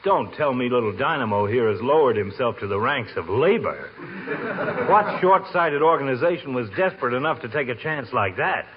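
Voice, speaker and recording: A man's voice: mid-range voice, sing-song, moderate pace, close to an everyday voice. Man acting a sardonic pompous doctor, old radio. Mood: mocking, exasperated. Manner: pompous, dry wit, ornate wording. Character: sardonic, wordy doctor trading insults. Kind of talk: 1940s radio comedy acting. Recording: noisy, muffled 1940s radio recording.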